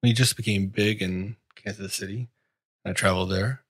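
Man, sports podcast co-host, husky voice, sarcastic, dry close sound. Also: lowish voice, fairly even intonation, moderate pace, fairly bright tone, dry recording. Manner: sarcastic, wry complaining. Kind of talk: casual sports podcast chat.

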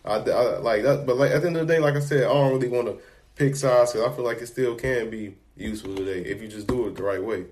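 A young man hosting a casual podcast, rattling off his thoughts at a quick clip. His talk is loose, slangy and full of casual swearing. His voice sits in an ordinary middle range. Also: mid-range voice, a little mellow, a little hiss or hum. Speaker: podcast host.

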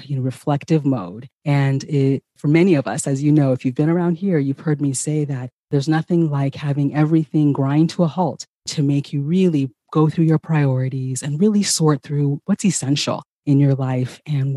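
A woman's voice: very deep voice, warm tone, no room sound. A woman from Ghana, a nurse practitioner, hosting a parenting podcast and introducing her guest in an upbeat, encouraging way.

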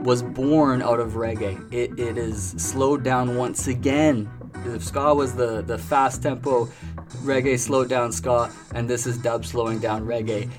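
A man hosting a music show in a laid-back, chatty way, laughing often as he talks about records. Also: mid-range voice. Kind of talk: casual chat. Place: treehouse restaurant and bar. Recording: music clearly behind the voice.

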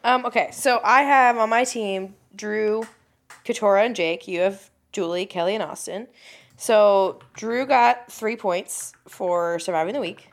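A woman co-hosting a casual podcast with a middle-pitched voice. She pauses and hesitates while she thinks, then slips in dry, sarcastic jokes. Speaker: podcast co-host.

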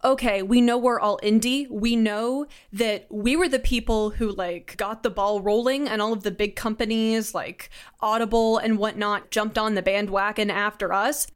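A young adult woman who creates audio dramas answers interview questions as a podcast guest. Her voice is mid-range and steady, at a normal speed. She comes across as conversational, articulate and enthusiastic.

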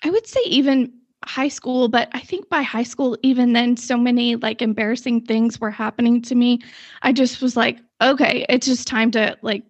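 A woman's voice: a little high, steady tone, normal speed, dry recording. A woman co-hosting a casual chat show, a rambling storyteller who goes off on tangents, recorded with a dull, slightly lo-fi sound. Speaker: podcast co-host.

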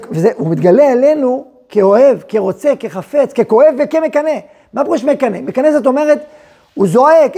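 A man teaching a Torah lesson in a high, gravelly and very husky voice with a mellow tone. He tells it with energy, acting out the people he quotes and firing rhetorical questions at his listeners. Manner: animated, acts out quoted speech and asks rhetorical questions. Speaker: yeshiva head rabbi teaching.

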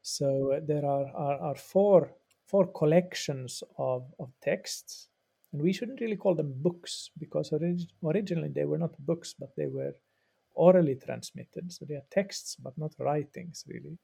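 Speaking at a moderate pace, this Finnish professor of religious studies, a middle-aged native Swedish speaker, patiently explains things in a podcast interview with frequent repeats and fillers. His voice sits on the high side, with vocal fry, a dark tone and a breathy edge.

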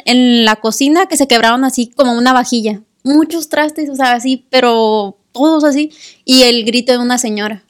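High woman, lively casual storyteller who acts out voices. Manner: animated, acts out family voices, laughs often. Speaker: podcast co-host telling a story.

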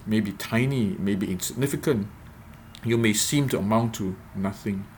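A man giving a reflective devotional podcast talk as a preacher, measured and repeating phrases for emphasis. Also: fairly low pitch, slight background noise.

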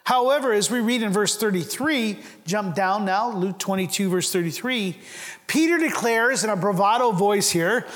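A man's voice: sits high, normal speed, fairly bright tone, big-room sound. A pastor delivering a sermon to his congregation, earnest and emphatic, often restarting his phrases. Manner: earnest preaching with rising emphasis and frequent restarts.

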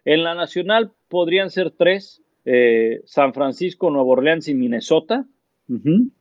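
Animated sportscaster telling anecdotes. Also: male voice, fairly high pitch, unhurried, no room sound, highs cut off. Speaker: sports commentator guest. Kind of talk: casual interview storytelling.

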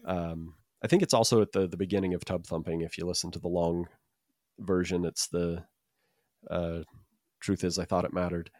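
A man's voice: deep voice, level tone, moderate pace, darkish tone, dry recording, studio quality. A man hosting a podcast in casual chat, speaking in a hesitant, rambling, self-deprecating way. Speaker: podcast host.

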